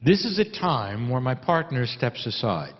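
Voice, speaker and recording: A man giving a channeled spiritual address in solemn, deliberate phrases with pauses. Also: mid-range voice, very animated. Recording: dull recording in reverberant hall.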